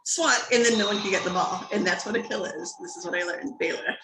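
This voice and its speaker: A woman's voice: mid-range voice, a little fast, roomy sound, noisy background. A woman teaching statistics in a casual recorded lecture, chatty and playful, interrupting herself and adding little sound effects. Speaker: statistics instructor.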